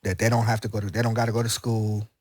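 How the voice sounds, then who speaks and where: A man's voice: on the low side, flat delivery, quick pace, a little mellow, no echo, clean studio sound. A man co-hosting a casual podcast, talking in a loose, rambling, slangy way with many restarts. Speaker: podcast co-host.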